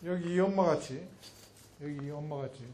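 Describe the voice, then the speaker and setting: A man giving a public lecture in an animated way, acting out a mother and child when he quotes them. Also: fairly high pitch, normal speed, slight background noise, low-quality recording.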